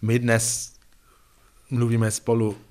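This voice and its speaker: A man with an English accent, a native English speaker, asking measured interview questions. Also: mid-range voice, monotone, darkish tone.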